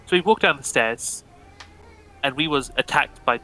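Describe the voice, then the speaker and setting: A man recapping a tabletop game session as a player, with deadpan, profane jokes. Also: mid-range voice, moderate pace, soft background music, poor audio.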